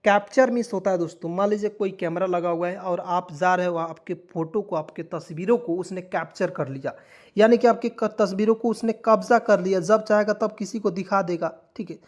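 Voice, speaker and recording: A man's voice: high voice, a little fast. A man teaching a classroom-style lesson. He spells words out letter by letter, asks his listeners what they say, and answers himself in a patient, reassuring way. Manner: addresses listeners as friends again and again, patient and reassuring.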